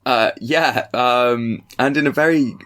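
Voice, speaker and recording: Guy with a mid-pitched voice, podcast co-host rambling and joking dryly, sat up in an attic. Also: slow pace, a bit bright, smooth. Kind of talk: casual chat. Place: attic room of a family house.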